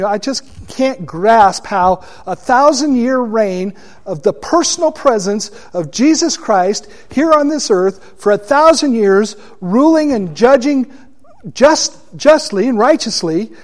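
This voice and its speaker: Man, Bible study teacher, high voice, slow pace, deliberate, questions to the class.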